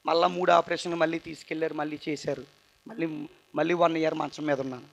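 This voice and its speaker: A young man with a high voice gives an emotional church testimony. He sounds tired but earnest, rising to loud bursts and dropping to quiet asides as he preaches. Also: flat delivery, fast, vocal fry. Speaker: testimony speaker at a church youth meeting.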